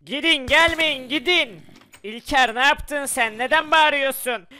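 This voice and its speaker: Man voicing a high, bright, panicky survivor. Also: unhurried, full character voice. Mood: worried. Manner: anxious, scolding, repeats the other's name. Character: panicky young man trapped with zombies outside.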